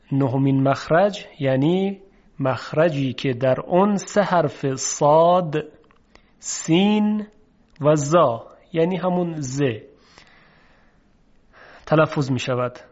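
A Persian-speaking man teaching Arabic letter pronunciation for Quran reading, in a slow, measured lesson that draws out example words. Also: a little high, a little mellow. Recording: dull lo-fi recording.

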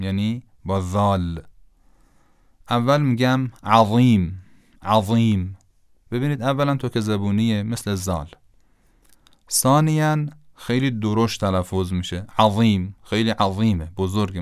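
Low, smooth-voiced male pronunciation teacher. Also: no echo, clean studio sound. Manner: deliberate, repeats words to demonstrate sounds. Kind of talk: Quran recitation lesson.

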